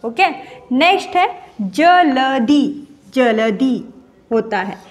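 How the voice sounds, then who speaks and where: A woman's voice: high-pitched, lively intonation, drawn-out words. A woman teacher giving a grade-school grammar lesson, spelling words out syllable by syllable and repeating each one drawn out.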